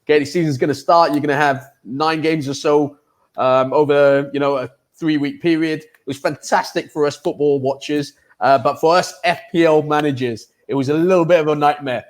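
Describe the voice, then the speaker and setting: A man's voice: a little high, steady tone, moderate pace. A man from the UK, hosting a casual online football chat show in a chatty, upbeat way with many fillers. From United Kingdom. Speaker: host and football pundit.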